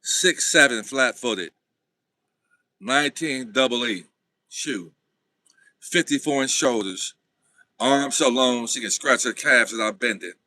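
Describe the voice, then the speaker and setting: A man hosting a livestream, talking straight to his viewers in an animated, casual way. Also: medium pitch, slow pace, pauses often, low-quality recording. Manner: animated, talks to viewers directly. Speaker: livestream host.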